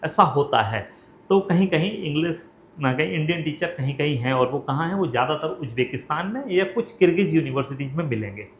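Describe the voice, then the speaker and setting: A man's voice: a little high, expressive, brisk. A man explaining things directly to students and parents, asking common questions and answering them plainly. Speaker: education consultant. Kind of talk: explanatory talk to camera. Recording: roomy, dull lo-fi sound with faint hiss.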